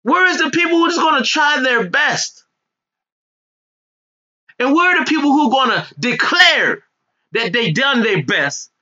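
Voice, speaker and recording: A man's voice: extremely high pitch, lively intonation, measured pace, long pauses, sharp tone, lo-fi sound. An American man giving an informal sermon in colloquial, streetwise speech, emphatic and repeating phrases for effect. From United States. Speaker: preacher. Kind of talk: informal sermon with scripture reading.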